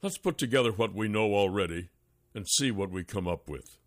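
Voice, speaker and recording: A man narrating a nonfiction audiobook in a measured, deliberate reading style. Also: lowish voice, lively intonation, no room sound, studio quality.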